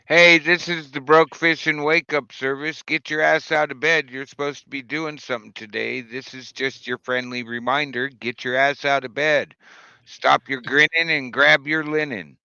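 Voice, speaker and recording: A man leaving a loud, teasing voicemail wake-up call in a mock-official tone, for a livestream chat. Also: fairly high pitch, steady tone, normal speed, clean tone, no room sound, dull audio. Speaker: livestream co-host.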